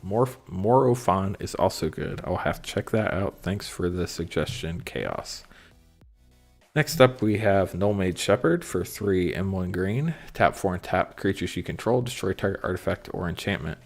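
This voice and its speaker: A man's voice: low voice, animated, normal speed, gravelly, faint music behind. A man streaming live from his card shop, casually reading card text aloud and chatting with viewers, with frequent ums. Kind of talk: casual livestream commentary on cards. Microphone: phone and computer stream setup.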